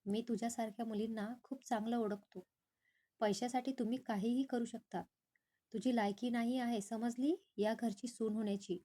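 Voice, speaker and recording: A woman's voice: on the high side, fairly even intonation, normal speed, mellow, natural voice. A woman voicing a stern, wealthy older father who speaks scornfully and accuses.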